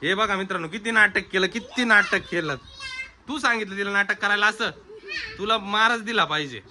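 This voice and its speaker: A man's voice: sits high, brisk, pushed and bright. A man chatting in a casual family vlog, often exclaiming, questioning children and turning to tell his viewers what happened. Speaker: vlogger. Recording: noisy background with ambient sound.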